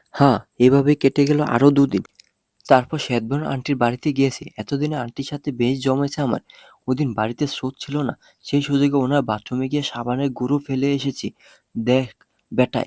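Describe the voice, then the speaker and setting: A man narrating a first-person romance story with an expressive, dramatic reading. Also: mid-range voice, dry recording, studio quality.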